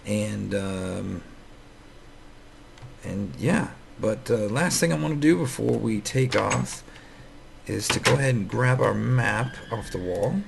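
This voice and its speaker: A man's voice: lowish voice, slow, gravelly. A man with a scratchy morning voice giving casual, rambling gameplay commentary full of fillers and restarts. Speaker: Minecraft let's player.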